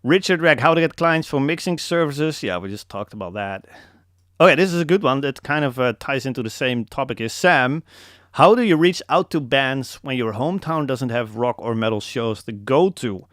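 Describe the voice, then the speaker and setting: A young Dutch man with a Dutch accent hosts a casual live coaching call, speaking in an animated, fairly bright, medium-pitched voice at a moderate pace. He's emphatic, repeats his key points to drive them home, and calls listeners "man." The studio-quality audio has no room sound.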